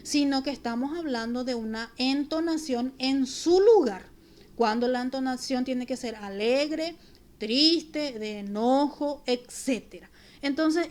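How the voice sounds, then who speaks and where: A woman teacher, giving a recorded class in a clear, deliberate way with examples. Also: sits high. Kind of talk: recorded remote class lesson.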